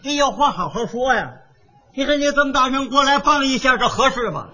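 A man's voice: very high voice, lively intonation, fairly quick, sharp tone, highs cut off. A man, a crosstalk comedian performing on stage in a boastful, blustering, playful manner. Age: 70s.

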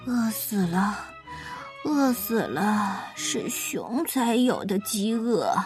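A woman voicing a big hungry bear in a storybook read-aloud, with a drawn-out, moaning delivery. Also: high voice, lively intonation, over music.

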